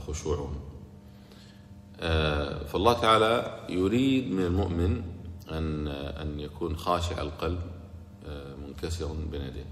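A man with a very low voice teaches Quran commentary, slow and hesitant with long drawn-out fillers, now and then chanting a verse. He sounds like he is in a large hall or mosque, with long echo and a faint hum behind him. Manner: slips into rhythmic Quran recitation. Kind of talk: religious lesson with recited verses.

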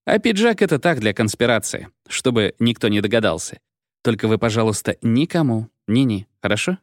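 A man's voice: mid-range voice, sing-song, fairly quick, dry recording, natural voice. A man reading an audiobook, giving a dry, irritated young man curt, grudging replies. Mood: wry. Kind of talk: audiobook character voice.

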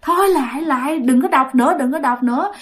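A woman voicing a vengeful spirit that has possessed an old woman, shrill and defiant, then begging. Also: a little fast, close to an everyday voice. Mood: pleading.

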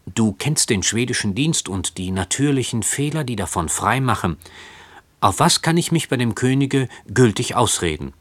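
A man's voice: medium pitch, big pitch swings, normal speed, a bit bright, no room sound, pitched above the performer's own voice. A man reading aloud voices a timid young man who pleads and whines. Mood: whining. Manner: pleading, whining. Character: timid, whining young man, a fearful cousin.

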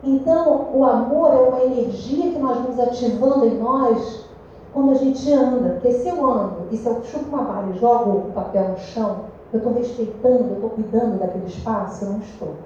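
A woman with a Brazilian Portuguese accent giving a lively spiritual talk to a meeting group, questioning her listeners. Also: a little high, a little fast, a little hiss or hum. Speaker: speaker at a spiritist study meeting. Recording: echoey room, distant dull mic.

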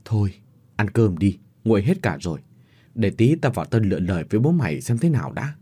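A man voicing a sharp-tongued, loving old mother who scolds her family. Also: on the low side, big pitch swings, fairly quick, husky. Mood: gentle.

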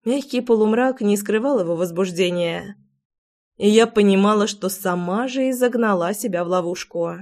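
A woman narrating a first-person audiobook with an expressive, dramatic reading. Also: mid-range voice, moderate pace.

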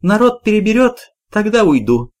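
A man's voice: high voice, sing-song, normal speed, voice pushed up. A man voicing a fussy, anxious older woman who runs a parish. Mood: stubborn.

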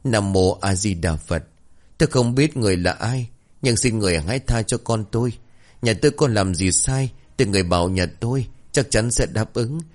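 A man's voice: on the low side, moderate pace, a little mellow, close to an everyday voice. A man voicing an old woman in her seventies begging a spirit to spare her child. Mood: pleading. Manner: begging prayer.

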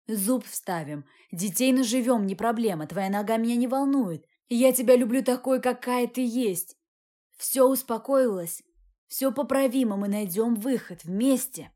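A woman voicing a protective, hot-tempered young man in a read-aloud story, forceful and heated. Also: a little high, measured pace. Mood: reassuring.

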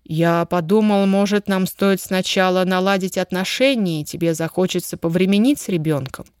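A woman voicing a wealthy young husband, ardent but guarded, in a slow, low, even delivery. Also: smooth, no room sound, studio quality, lightly acted. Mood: low, measured.

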